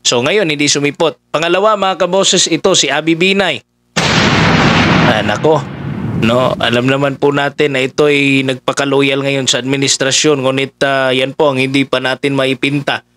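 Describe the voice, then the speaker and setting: A man's voice: medium pitch, fairly even intonation, normal speed, fairly bright tone, a little hiss or hum. A man giving casual political commentary, talking conversationally with many fillers as he addresses his listeners.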